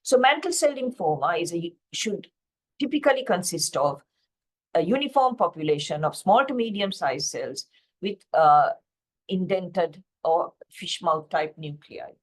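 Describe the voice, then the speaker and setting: A Sri Lankan woman gives a slide-based pathology lecture by video call, explaining steadily while often using fillers and correcting herself. She speaks unhurriedly in a fairly low, expressive voice.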